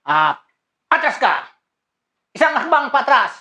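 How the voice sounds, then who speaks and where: A woman's voice: sits high, sing-song, unhurried, bright, forceful tone, muffled recording. A woman playing a teasing karate teacher in a comedy skit, calling out short commands and laughing often.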